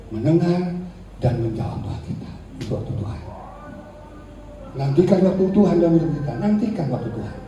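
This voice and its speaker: A man preaches with a high, very animated voice that swoops up and down. He talks in lively street slang and acts out the people he quotes. It sounds far from the mic in a booming church hall. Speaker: pastor. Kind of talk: sermon. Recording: echoey church hall, distant mic, faint noise.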